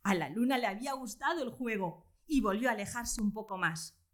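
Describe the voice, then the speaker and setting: A woman telling a children's story aloud in an expressive, animated way. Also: a little high, a little fast, reverberant.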